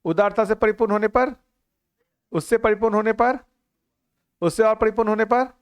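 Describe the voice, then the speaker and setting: A man's voice: high-pitched, normal speed, clear, resonant tone. A middle-aged man giving an earnest talk to a live group, asking questions and repeating his key phrases. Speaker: teacher of a value-education course.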